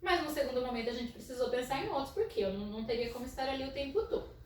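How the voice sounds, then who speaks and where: A Brazilian woman with a naturally loud, fairly high voice shares her school experience as a psychologist. She tells it as a story and keeps checking in with the listener with "né?". The sound is very echoey and a little distant, with faint room noise behind her. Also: expressive, rapid-fire. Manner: storytelling with frequent "né?" tags and soft laughs. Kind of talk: casual educational talk.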